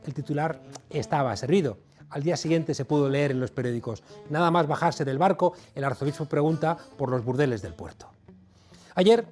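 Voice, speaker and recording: A man hosting an opinion monologue, measured and emphatic with a wry storytelling edge. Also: high-pitched, darkish tone. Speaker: show host and university professor.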